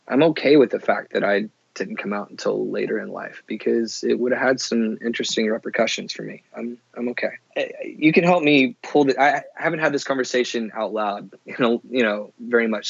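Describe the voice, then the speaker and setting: A man from Oklahoma, USA, speaks as a podcast guest in a candid interview, earnest and thoughtful, often restarting his sentences and saying "you know." His mid-range voice is gravelly, and the recording is muffled with no echo.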